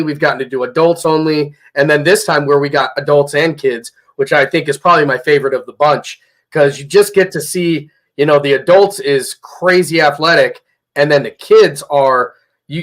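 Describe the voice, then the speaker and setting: A man's voice: fairly high pitch, brisk, fairly bright tone. A man hosting a sports radio show, talking loosely with many fillers. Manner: loose, hesitant, filler-heavy talk. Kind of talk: casual radio chat.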